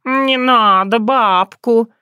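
A woman voicing a sly talking male cat, slow and purring. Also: mid-range voice, lively intonation, a bit bright, no room sound, studio quality. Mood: alarmed. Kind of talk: audiobook character voice.

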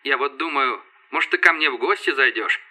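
A male narrator voicing a calm, teasing male fleet commander who speaks evenly. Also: mid-range voice. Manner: calm, unhurried.

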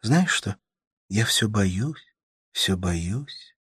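A man voicing a gentle, caring young woman in an audiobook, in a soft, soothing, sing-song manner. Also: lowish voice, lively intonation, drawn-out words, breathy edge, dry recording, clean studio sound, voice pushed up, exaggerated voice. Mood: wistful. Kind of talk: audiobook character voice.

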